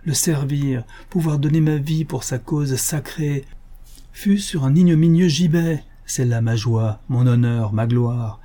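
Brief: man doing a defiant young hero, big declamatory delivery, husky tone. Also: mid-range voice, a little slow, dark tone, lightly acted. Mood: impassioned. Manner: impassioned, ringing declamation. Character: proud young male frontier hero, fiercely patriotic. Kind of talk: audiobook character voice.

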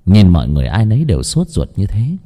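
A man narrates a ghost story with dramatic suspense. His voice is low, dark and husky. The pitch swings widely to build tension. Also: wildly swooping pitch, quick pace. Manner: dramatic, suspenseful, wide-ranging delivery.

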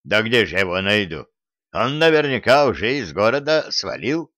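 A man voicing a battered male werewolf dog in a storybook, gruff and sulky. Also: fairly low pitch, very animated, moderate pace, fairly bright tone, no echo. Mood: grumbling.

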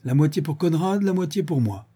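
Give me a cheeky, obsequious henchman, as a male narrator voices him, pitched up and husky. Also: expressive, normal speed, dark tone. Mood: sly. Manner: fawning, cheeky.

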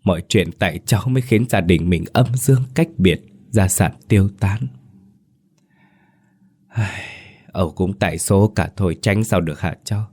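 A sorrowful old father who sighs and pleads with tired resignation, as a male storyteller puts him on. His voice sits very low and close, with a dry, deadened sound in this audio ghost story. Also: normal speed, pauses often, darkish tone, slightly rough, no echo. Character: grieving elderly father, gentle and resigned.

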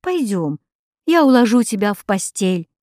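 A woman voicing a timid, gentle girl who is the tearful older sister, pleading softly in an audiobook. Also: medium pitch, big pitch swings, normal speed, no echo, clean studio sound, natural voice. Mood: coaxing. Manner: soft pleading.

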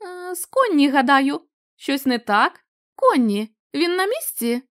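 A woman reading the part of an eager young woman who talks in a bright, excited, coaxing way. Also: high-pitched, a little slow, voice pushed up, exaggerated voice. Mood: insistent.

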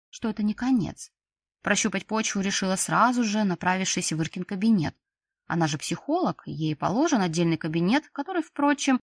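A woman narrating a first-person novel in a lively, wry storytelling manner. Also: medium pitch, no echo, studio quality. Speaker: audiobook narrator.

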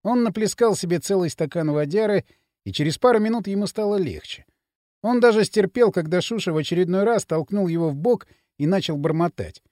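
A man's voice: sits high, brisk, darkish tone, no echo. Male narrator, dramatic audiobook reading, dry close sound. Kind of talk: scripted narration.

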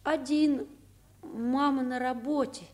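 Sheepish little schoolboy, high n slow, hesitant whiny kids drama voice. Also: female voice, fairly even intonation, darkish tone. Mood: meek, feigning illness. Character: weak-willed schoolboy truant, sheepish and evasive. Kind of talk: children's radio drama acting.

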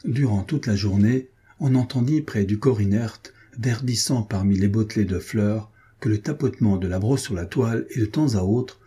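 Husky, dark-voiced male storyteller. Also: on the low side. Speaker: narrator. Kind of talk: audiobook narration of a classic short story.

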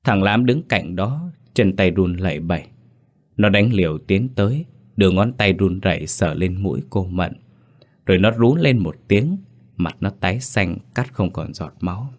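A man's voice: low-pitched, expressive, moderate pace, a little mellow. A man narrating a horror story with an intense, dramatic delivery. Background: faint music.

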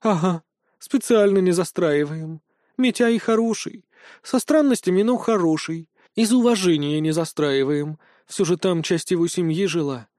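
Guy voicing a chatty village lady, higher and bright, friendly to strangers. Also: moderate pace, no echo, studio quality, lightly acted. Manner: polite, talkative. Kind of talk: audiobook character voice.

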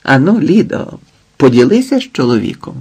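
A man voicing a furious, jealous young husband who shouts coarse accusations, in a gravelly, husky voice. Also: fairly high pitch, sing-song, moderate pace, heavily acted. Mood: mocking, accusing.

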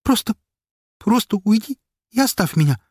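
A frightened young woman, her voice pitched far up and quivering, cries out in shrill panic and trembles on the verge of tears, as a male audiobook reader puts her on. The tone has a husky edge, and the recording is close and dry. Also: very animated, brisk, dry recording, full character voice. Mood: panicked. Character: terrified distraught young woman student on a ledge.

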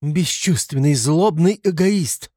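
A man voicing an indignant young woman in an audiobook, with sharp exclamations. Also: lowish voice, normal speed, husky, no echo, studio quality.

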